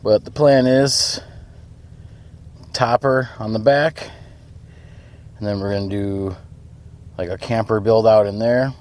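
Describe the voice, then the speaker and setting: A man's voice: on the low side, steady tone, slow pace, long pauses, darkish tone. A young man from Wisconsin giving a rambling, laid-back walkaround of his pickup truck, filmed outdoors on a phone, full of fillers. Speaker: vlogger showing his truck. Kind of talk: casual walkaround vlog.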